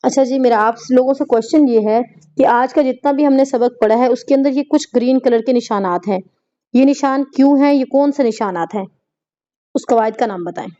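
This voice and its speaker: A woman teaching Quran recitation, reciting verses slowly and then explaining each rule, repeating words for practice. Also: high-pitched, mellow, dull audio. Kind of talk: tajweed lesson, slow recitation with explanations.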